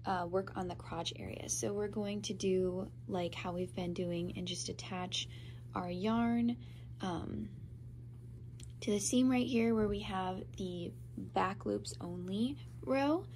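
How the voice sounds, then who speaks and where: A young woman with a cold-congested, nasal voice chats upbeat and casually while working through a crochet tutorial with her hands. Her mid-range voice is darkish and slow, with a little hiss or hum in the recording.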